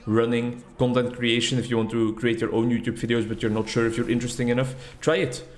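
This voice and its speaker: Talking fast in a mid-range, level voice, this young gaming YouTuber, a native Dutch speaker from the Netherlands or Flanders, comments on his gameplay in a rambling, reflective, self-deprecating manner.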